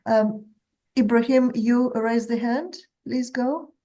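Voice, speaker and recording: A woman moderates an academic symposium, her voice a little high. She calls on speakers briskly and affirms their remarks. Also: warm tone. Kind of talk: moderating a panel.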